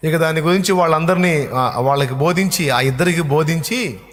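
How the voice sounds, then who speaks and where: A man's voice: fairly high pitch, normal speed. A male pastor preaching a sermon, emphatic and repetitive as he drives each point home. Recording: long hall reverb.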